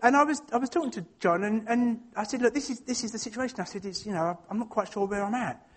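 An Essex-born man with an Essex accent and an unusually high voice for a male talks fast and informally to a church, recounting personal anecdotes. His manner is chatty and self-mocking, marked by frequent hesitations as he feels his way through each thought.

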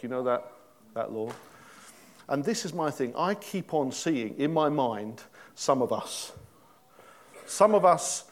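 A middle-aged man preaching a sermon in a conversational way, asking his listeners questions and joking with them. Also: mid-range voice. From Britain. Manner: conversational, asks the congregation questions, jokes. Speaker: pastor.

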